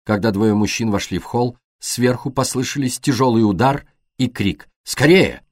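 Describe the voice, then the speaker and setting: A man narrating an audiobook in a measured, expressive reading style. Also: medium pitch, no echo, clean studio sound.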